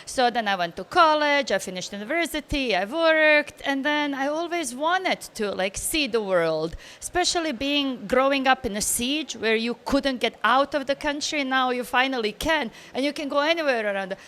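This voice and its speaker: A woman, telling travel stories in an interview, animated and laughing easily. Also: high voice, normal speed, few pauses. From Bosnia. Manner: animated storyteller, laughs easily, loose grammar. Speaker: guest traveller. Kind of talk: casual interview answers.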